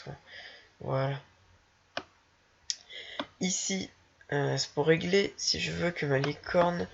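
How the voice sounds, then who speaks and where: A speaker casually walking through a software tutorial while thinking aloud, hesitant and self-mocking. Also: mid-range voice, vocal fry, a little hiss or hum. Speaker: tutorial maker. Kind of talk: casual screen-recorded software walkthrough. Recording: dull lo-fi home recording.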